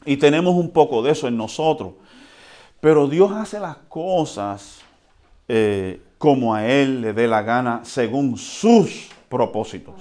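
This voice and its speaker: A man preaching a sermon in a conversational way, often checking in with the congregation and swinging between quiet and loud. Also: medium pitch, a little slow. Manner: lively swings between soft and loud, with chuckles. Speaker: pastor.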